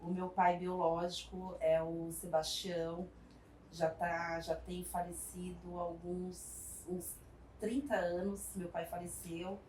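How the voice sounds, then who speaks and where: A woman whose voice sits on the low side tells her life story to an interviewer, pausing reflectively and hesitating slightly. She's from São Paulo, Brazil, in her 40s, and works on a community project, narrating warmly with frequent hesitations and tag questions. The room is echoey, the mic distant, and faint noise hums behind her.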